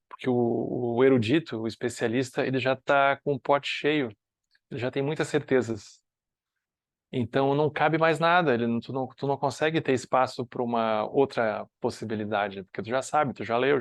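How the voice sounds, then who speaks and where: Brazilian man giving a relaxed dharma talk. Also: medium pitch, dry recording, studio quality. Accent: Brazilian Portuguese, northern (uses "tu"). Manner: conversational, often asks "né?", with dips to soft quiet asides. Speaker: Buddhist study group teacher. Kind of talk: relaxed spoken teaching talk.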